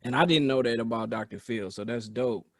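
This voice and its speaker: A man's voice: medium pitch, a little fast, dry recording, studio quality. A man hosting a casual interview, laid-back and affirming, using street slang. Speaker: podcast host.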